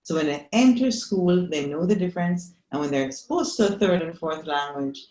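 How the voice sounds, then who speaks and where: A woman's voice: on the low side, animated, normal speed, mellow. A woman with a Jamaican accent, a psychologist guest, explaining patiently and checking in with her listeners over a video call. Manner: patient, teacherly, checks in with "Yes?". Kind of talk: explanatory interview answers. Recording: echoey room.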